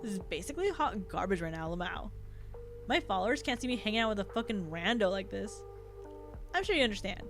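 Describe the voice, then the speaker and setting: A woman's voice: mid-range voice, animated, fast, natural voice. Woman voices young alien streamer for a game: Valley Girl drawl, slangy, self-satisfied, music underneath. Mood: condescending.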